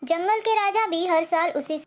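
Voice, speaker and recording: A woman's voice: very high-pitched, normal speed. A woman narrating a children's cartoon story in a simple, sing-song way.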